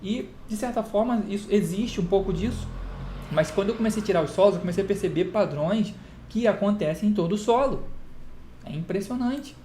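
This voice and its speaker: A man's voice: high-pitched, a little fast, mellow. Brazilian man explaining in an echoey room. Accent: Brazilian Portuguese. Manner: explains with rhetorical questions and everyday examples, answering them himself. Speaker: guitar teacher. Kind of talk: casual spoken lesson to camera. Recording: echoey room with faint ambient noise.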